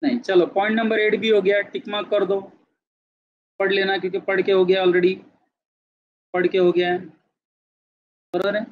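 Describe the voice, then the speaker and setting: High-voiced man teaching a class. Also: level tone, moderate pace, pauses often, narrow, tinny audio. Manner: mixes Hindi and English, keeps asking the class questions. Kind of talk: classroom lecture.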